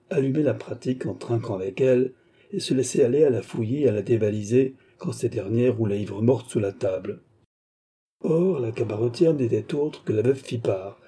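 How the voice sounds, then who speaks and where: Dark-voiced male audiobook narrator. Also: mid-range voice, husky.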